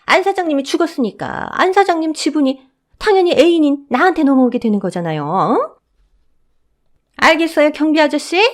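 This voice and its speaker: A woman voicing a brash middle-aged mother-in-law who shouts haughtily in a shrill voice. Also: huge pitch swings, moderate pace. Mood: indignant.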